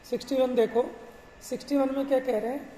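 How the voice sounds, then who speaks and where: A man's voice: very high-pitched, little pitch movement, warm tone, a little hiss or hum. Man teaching scripture in echoey hall. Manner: asks rhetorical questions, chants verses slowly. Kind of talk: explanatory religious class lecture.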